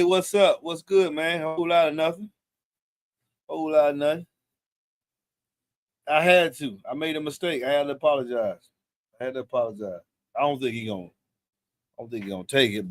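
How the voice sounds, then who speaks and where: Answering viewers' questions on a live stream, a fifty-something man keeps things casual, slangy and self-assured. The pitch is medium, and there's no room sound at all.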